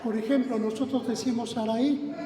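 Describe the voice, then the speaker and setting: A man's voice: very high voice, fairly even intonation, moderate pace, crowd noise. A man preaching a teaching sermon, quizzing the congregation with questions. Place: church sanctuary. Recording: echoey hall, distant mic, congregation noise.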